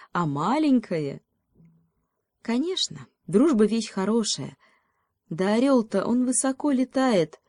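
A woman narrating fairy tales for an audiobook, in a gentle, unhurried storytelling manner. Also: medium pitch, no room sound, clean studio sound. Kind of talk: fairy tale reading.

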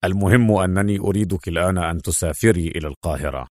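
A self-assured male intelligence colonel, played by a man speaks in a low, even tone, sounding dry and close to the mic. His calm, wry confidence carries through every line. It is the unshaken hero of a spoken spy story. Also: fast talker, dry recording, close to an everyday voice.

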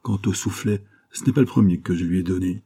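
A man's voice: deep voice, brisk, mellow. A man voicing a spirited, indignant young Venetian woman who speaks in a fiery, defiant way.

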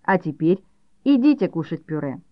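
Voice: mid-range voice, sing-song, normal speed, no echo, highs cut off, close to an everyday voice. An audiobook reader voicing a doting, clingy mother who gushes and pleads with her young sons. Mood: gushing. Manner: gushing, pleading, theatrical. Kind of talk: audiobook character voice.

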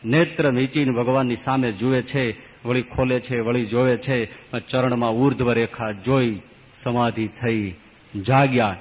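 A man with a Gujarati accent, a swami giving a storytelling scripture discourse, acting out the characters with big pitch jumps. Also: steady tone, unhurried, breathy edge, long reverb tail, rough recording. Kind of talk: storytelling sermon.

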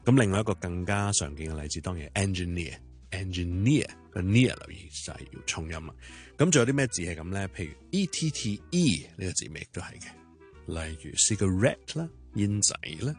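Deep-voiced radio English tutor, a man. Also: very animated, a little fast, faint music behind. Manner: explains patiently, spells words out letter by letter. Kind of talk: short radio English lesson. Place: radio studio.

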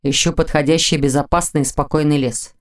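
A woman voicing a male dark mage in dragon form, speaking low, growly and commanding. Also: steady tone, a little fast, lightly acted. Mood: calm commanding. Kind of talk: audiobook character voicing.

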